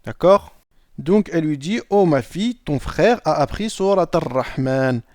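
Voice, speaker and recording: Male teacher, slightly high voice, dry close mic, patient lesson delivery. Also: animated, a little slow, a little mellow, dry recording. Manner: checks in with "d'accord?" often. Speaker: Arabic teacher. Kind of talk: explaining a lesson.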